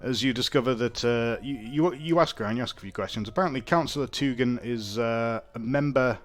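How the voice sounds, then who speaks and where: A man running a tabletop game as game master, in a relaxed, hesitant way with many fillers. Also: mid-range voice, a little fast.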